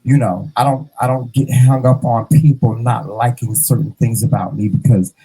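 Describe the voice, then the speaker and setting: A man in his fifties hosting a casual interview, animated and playful, calling his guest "child" and "honey". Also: medium pitch, normal speed, breathy edge, poor audio. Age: 50s. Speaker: host.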